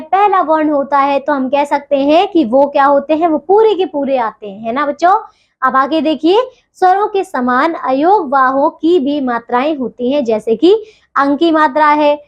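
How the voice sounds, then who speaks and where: A woman teaching a grammar lesson to children, patient, spelling sounds out slowly and checking in with them often. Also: high-pitched.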